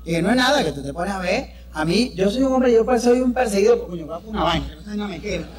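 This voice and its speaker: A quick-paced, animated man with a high voice and a Venezuelan accent works a live stage crowd with crude, chatty stand-up. His storytelling is brash and draws in the audience. The live recording carries crowd noise.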